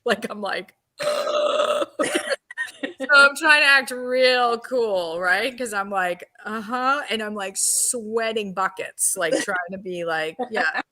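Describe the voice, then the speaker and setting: A woman, an actress guest on a podcast, telling a lively anecdote with lots of laughs and acted-out quotes. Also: mid-range voice, a little slow. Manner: animated, laughs often, acts out quotes.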